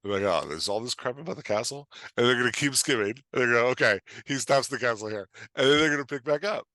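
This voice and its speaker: With a mid-range voice and a quick pace, a man speaks as a podcast guest and coach, bluntly and casually discussing his craft. He gets animated and emphatic, voicing readers' imagined responses, his informal speech dotted with "like" and "right?". There's no room sound.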